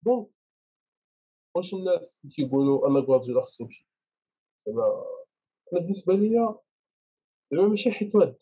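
A man's voice: fairly high pitch, husky. A man with a Moroccan accent giving opinions in a casual football discussion, mixing in French phrases, on a slightly dull recording.

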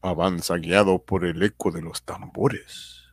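A man acting as a dramatic old radio serial announcer, with slow, suspenseful, theatrical delivery. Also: low voice, steady tone, husky, no room sound, clean studio sound, heavily acted. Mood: ominous suspense.

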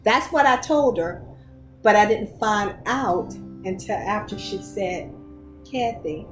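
A woman telling a story about a friend in casual storytelling style, unhurried and soothing. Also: mid-range voice, rough recording. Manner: unhurried, soothing when retelling how she calmed her friend. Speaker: interviewee, friend of the patient. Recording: music playing underneath.

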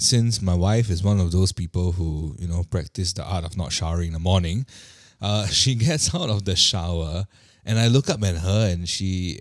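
A man in his thirties with a notably low voice, telling a personal story in a relaxed, chatty way. He often stumbles and repeats words as he restarts a thought, with a wry, self-deprecating tone. The recording is close and dry, with no room sound. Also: no room sound.

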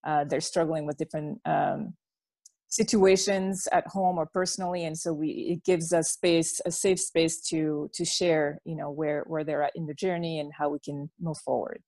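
A Belgian woman gives an informal personal introduction as a guest in an online podcast interview, explaining things conversationally. Her deep, darkish voice keeps a steady tone at normal speed. The studio-dry sound has no echo.

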